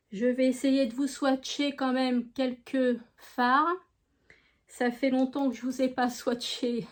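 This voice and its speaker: Slow, high-voiced woman with a French regional accent. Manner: unhurried, chatty, lots of fillers and voilà. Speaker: beauty vlogger. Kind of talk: casual product review.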